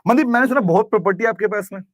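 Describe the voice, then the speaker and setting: Male lecturer with a very high voice and a dry sound, runs a lively class full of questions. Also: racing, no room sound. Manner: lively, questioning students, mixes English terms into speech. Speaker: commerce teacher. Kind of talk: classroom lecture with role-play. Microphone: camera recording in class.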